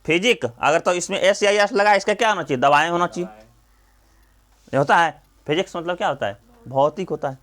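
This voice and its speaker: A man's voice: high-pitched, a little fast, fairly bright tone. A male coaching teacher giving a classroom grammar lesson, drilling students with repeated questions and then answering them himself.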